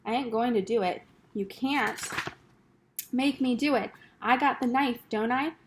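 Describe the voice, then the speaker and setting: A woman's voice: fairly high pitch, unhurried, close to an everyday voice. Miggery Sow, a woman doing a whiny serving girl. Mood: stubborn. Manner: blunt, whiny, coarse speech. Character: sobbing, simple-minded young serving girl.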